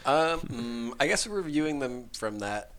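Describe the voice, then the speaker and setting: Lively, curious man asking questions. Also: mid-range voice, normal speed. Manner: curious, asks questions, laid-back. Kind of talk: casual chat.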